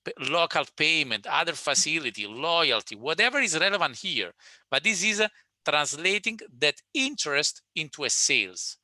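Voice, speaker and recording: A man with an Italian accent presents a webinar and answers questions, restarting his sentences often and filling gaps with "uh". His voice is very bright and forceful, recorded dry and close with no room sound. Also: a little high, very animated, no echo. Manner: halting, frequent restarts and fillers. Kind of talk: business webinar talk and Q&A.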